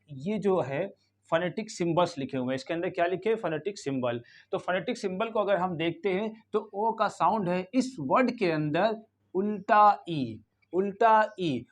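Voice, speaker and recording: Man, Indian accent, high-pitched, English pronunciation teacher, repetitive drilling, rhetorical questions. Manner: asks rhetorical questions and repeats the answer; drills words by saying them again and again. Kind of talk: classroom-style pronunciation lesson.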